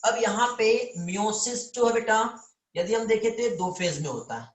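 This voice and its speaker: A man's voice: high-pitched, expressive, normal speed, echoey room. A man teaching biology in a live online lecture, calling students "beta" and often checking whether they understand.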